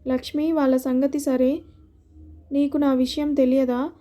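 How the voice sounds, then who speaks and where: A woman voicing a gentle, troubled middle-aged wife who speaks softly and sadly. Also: high-pitched, level tone, unhurried. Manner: soft and sorrowful.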